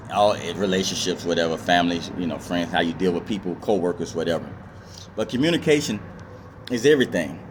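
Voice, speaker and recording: A man's voice: low-pitched, noisy background. A man in a casual advice monologue, rambling and repeating himself with lots of fillers. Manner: rambling, repetitive, with many fillers and acted-out quotes. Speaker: vlogger.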